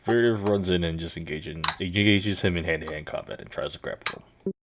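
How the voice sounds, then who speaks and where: Gravelly, low-voiced male gamer. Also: a little fast. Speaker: tabletop game player. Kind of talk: casual joking chat. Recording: voice chat mic with noise.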